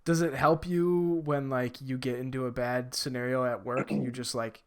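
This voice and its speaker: A young man hosts a casual interview podcast and rambles through his questions, leaning on "like" again and again. His voice is smooth and clear. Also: medium pitch, fairly even intonation, normal speed. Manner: rambling, heavy on "like" fillers, friendly questions. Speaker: podcast host.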